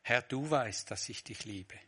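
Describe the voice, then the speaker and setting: A man's voice: mid-range voice, unhurried, bright, forceful tone, slight background noise. A man preaching a sermon, reflective, voicing short quoted lines with changing emphasis.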